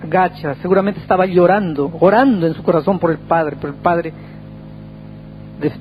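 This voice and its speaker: A man's voice: a little high, muffled recording. A man, a pastor, preaching a sermon and telling a story with acted-out dialogue.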